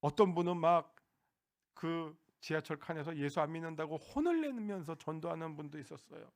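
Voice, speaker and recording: A pastor preaching a Sunday sermon, talking directly to the congregation in a conversational way with frequent hesitations. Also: male voice, a little high, brisk.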